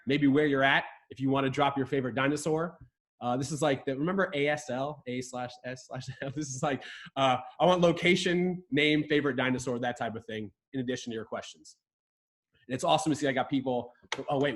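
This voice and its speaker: An enthusiastic man from Ohio leads a relaxed online dinosaur lesson over a video call, sitting in a room in a rented home. He talks to his viewers in a chatty, joking way, clearly excited about the subject. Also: medium pitch. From Ohio, USA. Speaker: host and dinosaur educator. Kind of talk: casual livestream lesson. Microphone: video call setup.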